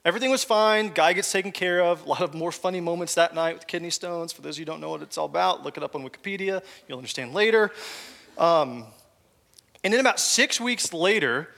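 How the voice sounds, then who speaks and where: Male pastor, fairly high and bright voice, chatty sermon storytelling, long hall echo. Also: brisk, creaky. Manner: conversational, joking asides to the congregation. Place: church hall with congregation.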